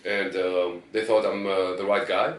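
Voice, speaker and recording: A drummer with a Greek accent speaks in short, friendly answers with simple phrasing. His voice is on the low side for a man. The sound is roomy and off-mic, with faint background noise. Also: little pitch movement, a little slow, recorded from a distance. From Greece. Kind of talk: backstage interview.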